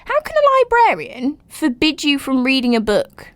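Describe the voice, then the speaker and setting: A woman's voice: high voice, moderate pace. Giggly woman reading stories aloud. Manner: animated, giggly, exclaims often. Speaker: podcast host. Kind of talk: reading and reacting to submitted stories.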